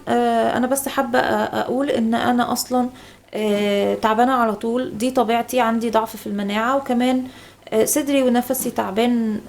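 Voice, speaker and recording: Tired, sighing Egyptian woman, young, slightly high with vocal fry, slow casual vlog delivery. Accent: Egyptian Arabic. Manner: slow, soft-spoken, many filler pauses. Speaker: home vlogger.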